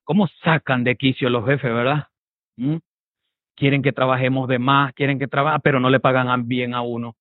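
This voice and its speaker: A man's voice: mid-range voice, fairly even intonation, moderate pace, no room sound. A man preaching a sermon as pastor, asking rhetorical questions and checking in with listeners through short tag questions. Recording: dry, tinny phone-like sound.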